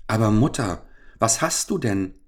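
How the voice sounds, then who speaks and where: A man's voice: lowish voice, animated, measured pace, a little mellow. A man voicing an anxious young dwarf boy with a long nose, pleading and bewildered, in a storybook reading. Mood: worried pleading.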